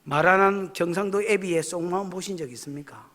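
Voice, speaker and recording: Man, pastor, folksy sermon, questions to the congregation, high pitch, long hall reverb. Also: a little fast, fairly bright tone. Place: church service. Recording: echoey church hall.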